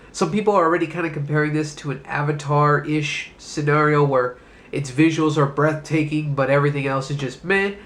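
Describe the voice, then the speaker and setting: A man with a fairly high, somewhat bright voice hosts his own movie review video while sick, sounding congested and stuffed up and coughing now and then. He talks in a loose, rambling way, swearing casually.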